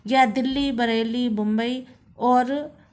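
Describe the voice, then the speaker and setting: A woman teacher walks her students through a grammar lesson at an unhurried pace. Her voice sits a little high, and she leans hard on each example phrase. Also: fairly even intonation, a little mellow. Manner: slow, deliberate explaining, stresses example phrases. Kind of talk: classroom lesson.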